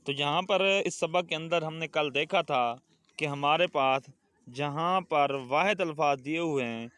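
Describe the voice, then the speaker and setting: Man, Pakistani Urdu accent, teacher, slow patient call-and-response drilling, dry close sound. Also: on the high side, fairly bright tone. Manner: patient, repeats words for pupils to echo.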